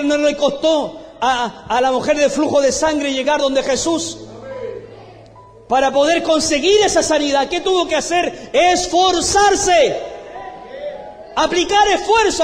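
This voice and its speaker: A man preaching a fervent sermon as pastor, with a Chilean accent, often breaking into shouted praise. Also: very high-pitched, in a large hall. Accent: Chilean Spanish.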